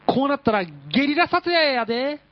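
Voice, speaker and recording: A man's voice: very high-pitched, sing-song, moderate pace, no echo, voice pushed up. A man voicing a bossy, grandiose male film director with a Kansai accent, giving brash orders. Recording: dull lo-fi radio audio.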